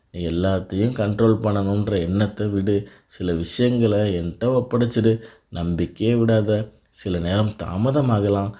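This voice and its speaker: A man delivering a devotional blessing in a calm, reassuring voice, speaking directly to the listener. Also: lowish voice. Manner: calm, reassuring second-person address. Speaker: devotional narrator.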